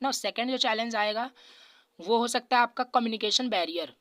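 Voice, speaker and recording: A woman's voice: fairly high pitch, no room sound. Woman lecturing, dry close sound. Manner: repeats points, mixes Hindi with English terms read slowly; frequent fillers and restarts, drops to a quieter voice at phrase ends. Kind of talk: exam-focused lecture.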